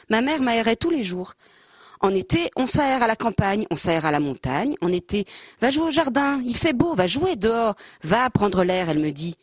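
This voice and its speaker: A woman on a panel who talks haltingly, hunting for words, then reads a poetic text aloud. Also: medium pitch, breathy edge, no echo, clean studio sound. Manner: hesitant, searching for words, self-deprecating. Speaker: panel guest. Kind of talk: halting casual talk, then a poetry reading. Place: panel event with a handheld mic.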